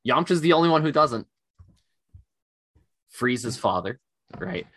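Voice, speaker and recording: A man's voice: on the high side, lively intonation, a little slow, fairly bright tone. A man co-hosting a casual chat podcast, rambling with lots of fillers and self-deprecating enthusiasm. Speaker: podcast co-host.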